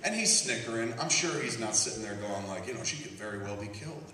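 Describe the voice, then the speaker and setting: A podcast host with a lowish voice talks fast at a live comedy podcast on a campus stage, reading news and riffing with profane, animated storytelling and mocking silly voices. A hand-held camera far back in the audience captures him in a big echoey room, where the crowd laughs loudly.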